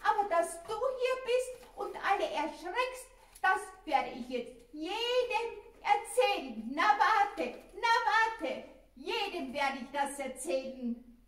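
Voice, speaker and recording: A woman's voice: very high voice, big pitch swings, takes it slowly, heavily acted. A woman voicing Gretel, a timid, chatty little girl who stammers and repeats words when frightened, in a puppet play. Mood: indignant. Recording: roomy, from a distance.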